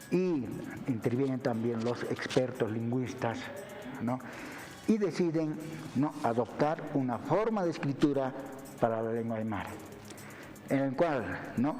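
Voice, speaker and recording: A mellow, mid-pitched Bolivian man appears as a university lecturer on a television interview, explaining things didactically and often ending phrases with short tag questions. His voice carries a long, hall-like reverb over faint background music.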